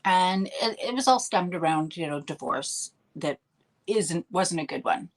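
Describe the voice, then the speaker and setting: A middle-aged woman with a Canadian accent, a healer and mentor, chats as a guest on a podcast in a casual interview. She is upbeat and laughs often, her voice fairly low and animated at a measured pace.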